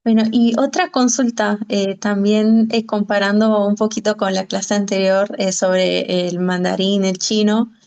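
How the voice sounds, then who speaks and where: A woman's voice: medium pitch, little pitch movement, unhurried, few pauses, a little mellow. A woman from Argentina moderating a Q&A on a video call, asking long questions full of fillers. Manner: filler-heavy, searching for words.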